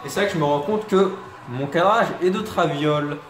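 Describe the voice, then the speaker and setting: Excitable young man, high voice. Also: fairly quick, echoey room. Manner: excitable, thinks aloud with restarts. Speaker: vlogger reacting to a TV show. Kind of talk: casual reaction commentary. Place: room at home, filming on a tripod. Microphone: camera mic on tripod.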